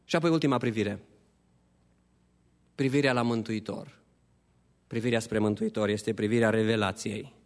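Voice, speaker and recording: A man preaching an Easter sermon as a pastor, passionate, shifting between hushed appeals and high pleading. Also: fairly even intonation, pauses often. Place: church hall. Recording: long church hall reverb.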